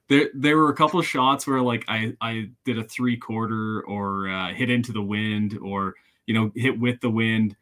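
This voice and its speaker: A man from Ohio with a somewhat low voice hosts a golf podcast. He rambles a little, pokes fun at himself and laughs easily. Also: steady tone, measured pace, a bit bright. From Ohio, USA. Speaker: podcast host. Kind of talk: casual podcast chat.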